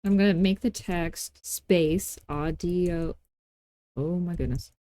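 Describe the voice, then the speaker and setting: Hosting an off-the-cuff software tutorial, this woman keeps things playful and homespun, using casual grammar and poking fun at herself. She speaks slowly, with a fairly low pitch.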